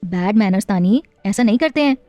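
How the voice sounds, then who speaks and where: A woman voicing a playful, doting young husband and father in an audio story, speaking gently and coaxingly. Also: medium pitch, animated, a little fast, dry recording, faint music behind, natural voice.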